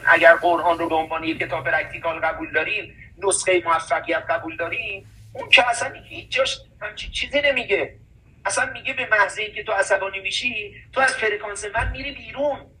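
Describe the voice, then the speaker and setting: A man in casual conversation, talking in an animated, preachy way and reciting verses as he goes. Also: high voice, recorded from a distance, poor audio. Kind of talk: casual chat.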